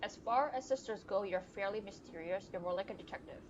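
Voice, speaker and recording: Over game music, a woman gives casual, chatty live commentary as a streamer, reacting out loud to both the game and her chat. She has a mid-range voice and talks fast, and the lo-fi audio carries a little hiss or hum.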